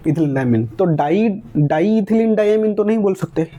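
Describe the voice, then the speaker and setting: Male chemistry tutor, dark mellow voice sitting a touch high, patient step-by-step explainer who keeps checking understanding. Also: lively intonation, moderate pace. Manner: explains step by step, asks questions and answers them himself; mixes English words into Hindi. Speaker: chemistry teacher. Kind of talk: classroom lecture.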